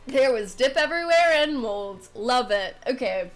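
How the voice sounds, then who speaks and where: A woman's voice: a little high, lively intonation, moderate pace. Congested young woman streamer, pinched-nose nasal voice. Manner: informal, rambling, self-deprecating. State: congested with a cold. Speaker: streamer reading a game aloud and chatting with viewers. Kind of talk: casual livestream chat and game narration.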